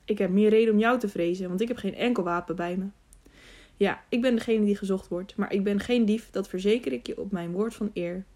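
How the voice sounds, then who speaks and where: A woman's voice: medium pitch, a little fast, dark tone, lightly acted. Earnest, cautious teenage squire read by a woman, pleading and sincere, storybook voice. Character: young noble squire boy, earnest and cautious.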